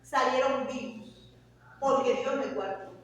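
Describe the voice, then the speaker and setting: High-voiced woman preaching in an echoey church. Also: takes it slowly, background noise. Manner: fervent preaching with chatty asides to the congregation. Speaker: pastor. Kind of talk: sermon. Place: church hall. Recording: echoey church hall, mic far off.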